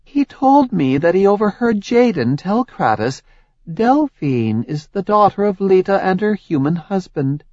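A man's voice: high-pitched, very animated, measured pace, darkish tone, no echo, voice pushed up, full character voice. A taunting goddess queen, voiced by a man. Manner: taunting, relentless, needling. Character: proud, scheming goddess queen, adult woman. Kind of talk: audiobook character voice. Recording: slightly dull, dry recording.

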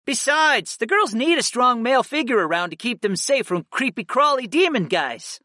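A man's voice: very high voice, animated, moderate pace, pushed and bright, dry recording, clean studio sound, voice pushed up, heavily acted. A man voicing an eager, playful male cat-like monster who serves as a protective summons in an audiobook.

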